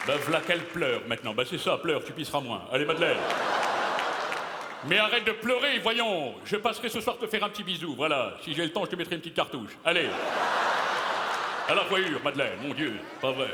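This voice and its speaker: A man playing a boastful, pompous male playwright who declaims loudly and theatrically on stage. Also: lively intonation, a little fast, lightly acted. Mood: exasperated. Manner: booming theatrical declamation, swings from shrill to low mutter. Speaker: stage comedian. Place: live stage in a theater hall. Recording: echoey hall, loud crowd and noise.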